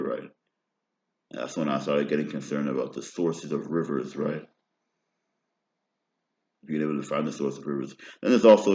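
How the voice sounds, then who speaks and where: Speaking in a very deep, darkish voice, an American man in his thirties meanders through a personal monologue and keeps asking "right?". The audio sounds roomy, dull, and lo-fi.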